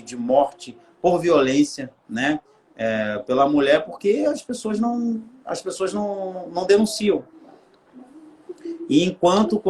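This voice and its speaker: A man's voice: fairly high pitch, a little hiss or hum. A man with a Brazilian Portuguese accent, a guest on a live-stream interview, speaking earnestly and building his points through repeated phrases.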